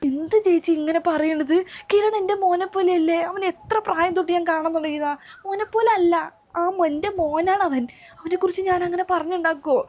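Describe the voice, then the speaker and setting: A woman's voice: very high voice, brisk, darkish tone. A woman playing an urgent, coaxing neighbour. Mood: reassuring. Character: practical middle-aged female neighbour and confidante. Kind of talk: web series drama acting.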